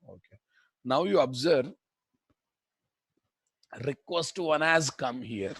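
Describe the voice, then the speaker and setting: Male coding instructor, Telugu Indian accent. Forceful, slow and repetitive, dry close sound. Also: fairly high pitch, lively intonation, husky, no room sound. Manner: repeats phrases, prods listeners with questions. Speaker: programming instructor. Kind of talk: live coding lecture to students.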